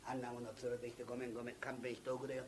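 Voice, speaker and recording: A man in his forties playing a mild, apologetic older male patron who speaks softly and calmly. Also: medium pitch, rapid-fire, noisy background, pitched below the performer's own voice, natural voice. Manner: soft-spoken, calm, apologetic.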